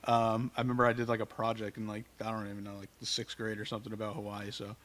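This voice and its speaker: A man's voice: lowish voice, completely flat delivery, quick pace, a bit bright. A man hosting a podcast interview in a casual, slangy way, with short reactions and loose questions. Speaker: podcast host.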